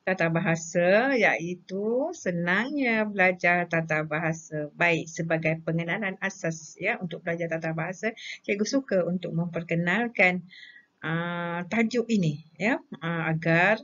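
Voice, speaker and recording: A woman's voice: on the low side, unhurried, fairly bright tone. A woman teacher with a Malaysian Malay accent gives a recorded grammar lesson. She lists terms one by one and asks questions that she then answers herself. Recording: dull lo-fi recording.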